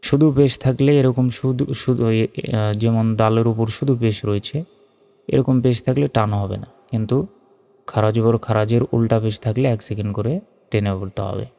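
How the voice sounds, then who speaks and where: A man teaching Quran reading, spelling out the Arabic letters and vowel marks one by one and chanting each verse in a slow, drawn-out way. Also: lowish voice, steady tone, creaky, warm tone. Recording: long reverb, faint music.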